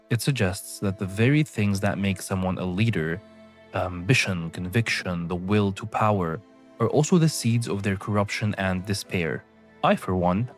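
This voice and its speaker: A young Syrian man narrates a scripted video essay in a very low voice. He speaks in a measured, solemn way over faint background music.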